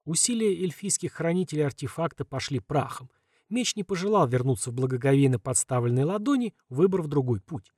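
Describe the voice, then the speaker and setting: A man narrating a fantasy audiobook in a calm, measured way, often letting phrase endings fall quiet. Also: fairly high pitch, no room sound, clean studio sound.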